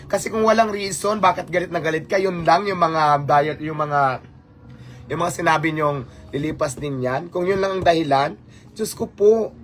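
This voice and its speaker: A Filipino livestream host from the Philippines talks casually to his viewers with a Filipino accent, sounding exasperated and rhetorical while dropping English phrases into his speech. His voice is fairly high, with a little hiss or hum on the audio.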